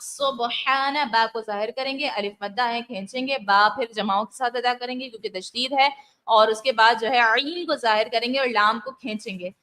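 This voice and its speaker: A woman teaching Quran recitation in an Urdu lesson, explaining mistakes and reciting Arabic phrases slowly and drawn out. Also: a little high, sharp tone.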